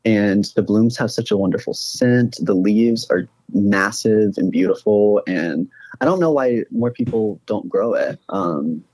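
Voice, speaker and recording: A man's voice: fairly low pitch, unhurried, darkish tone, dry recording, low-quality recording. A man talking as a podcast guest in a casual chat, often filling his speech with "like" and "um". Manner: fills talk with "like" and "um". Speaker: guest plant collector.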